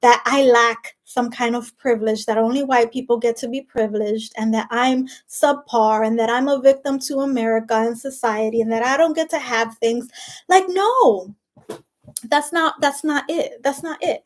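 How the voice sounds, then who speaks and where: Her voice is on the high side and moderately paced as she, a woman with a Spanish accent, gives an emphatic, preachy motivational monologue in the role of a life coach. The talk is casual and chatty, packed with "like" and "right?".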